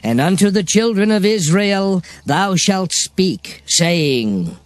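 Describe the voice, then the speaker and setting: An actor playing a solemn, commanding biblical prophet and leader in a dramatized scripture reading, with a declamatory delivery. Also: male voice, high voice, expressive, takes it slowly, no echo. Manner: solemn, declamatory, archaic phrasing. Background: music.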